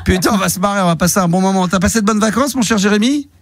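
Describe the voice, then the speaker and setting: A man's voice: sits high, very fast, crowd noise. A man hosting a late-night radio call-in show, teasing a caller and laughing often. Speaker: radio host.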